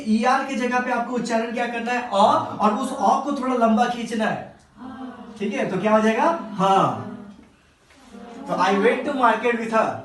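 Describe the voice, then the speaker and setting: A teacher explaining grammar to a class, drawing words out slowly and quizzing the students. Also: medium pitch. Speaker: English teacher. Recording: echoey classroom from a distance.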